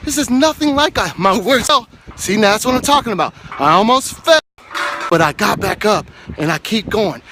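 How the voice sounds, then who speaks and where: A man's voice: sits high, animated, moderate pace. A man hosting a motivational vlog, winded as he climbs outdoor steps and talks encouragingly into his handheld phone. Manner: encouraging, talks to camera while climbing stairs. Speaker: vlog host. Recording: loud wind noise on phone mic.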